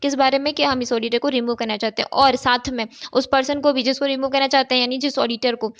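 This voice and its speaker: A woman's voice: high-pitched, fairly even intonation, quick pace. A woman chartered accountancy tutor, explaining step by step in a recorded exam-prep lecture. She poses questions and then answers them, and often checks in with "okay". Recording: dull, lo-fi recording.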